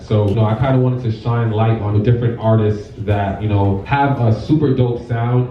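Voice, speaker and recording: A male event host speaks casually and informally in a lowish voice, introducing a show. The sound is very echoey and somewhat dull, as if caught from away in the room. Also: a little hiss or hum. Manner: informal, conversational, peppered with 'you know'. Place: indoor live show stage. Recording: echoey venue, distant dull mic.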